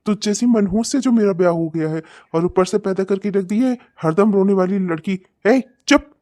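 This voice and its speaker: Snarling with anger, a voice actor voices a hot-tempered, abusive cartoon husband and father who yells insults and threats. His pitch is medium, his pace moderate, and his voice sounds much like an ordinary speaking voice, all in a comedic cartoon role.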